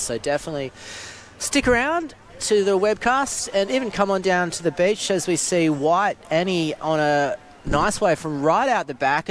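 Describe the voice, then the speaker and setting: Relaxed man calling a surf contest. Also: on the high side, a little hiss or hum. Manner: relaxed, loose with fillers. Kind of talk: live sports commentary.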